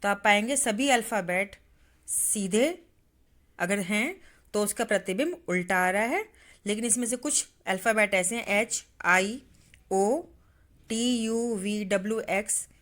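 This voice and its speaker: A woman teacher with a medium-pitched, slightly bright voice patiently walks schoolchildren through a science lesson step by step. She spells letters aloud as she demonstrates and calls her pupils "beta."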